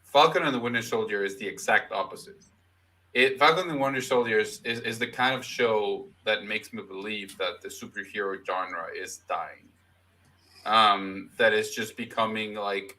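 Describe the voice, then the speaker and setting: A man co-hosting a casual discussion, critical and a bit hesitant, often restarting his sentences. His voice is lowish but bright and forceful. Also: poor audio. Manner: critical, hesitant, repeats words when starting. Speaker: podcast co-host. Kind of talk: casual chat.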